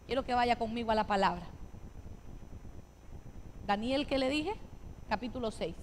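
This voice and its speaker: High-voiced woman pastor preaching. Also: normal speed, a little hiss or hum. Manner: fervent, reads scripture aloud and dramatizes it. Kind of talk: sermon.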